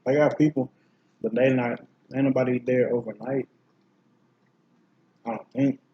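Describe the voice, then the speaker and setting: A man's voice: mid-range voice, steady tone, unhurried, husky, dull audio. A man co-hosting a casual eating vlog, telling a story bluntly and sounding grossed out. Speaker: vlog co-host. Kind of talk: casual chat while eating.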